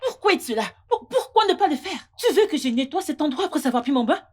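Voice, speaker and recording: A scornful young woman with a high, lively voice that swoops up and down. She taunts and mocks, and her bossy tone never lets up. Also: fast. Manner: mocking, taunting. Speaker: dubbing actress. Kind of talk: dubbed film drama.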